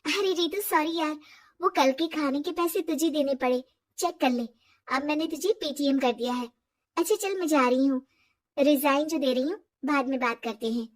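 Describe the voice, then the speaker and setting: A woman voicing a trusting, kind young married woman in an animated story, earnest and friendly. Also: sits high, moderate pace, close to an everyday voice.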